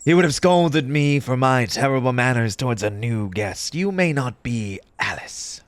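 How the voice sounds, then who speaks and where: A man voicing a grieving, eccentric March Hare, a mannered gentleman speaking formally and theatrically in an ASMR roleplay, halting with emotion. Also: mid-range voice, expressive, no room sound, natural voice. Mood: wistful, courteous. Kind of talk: ASMR roleplay character monologue.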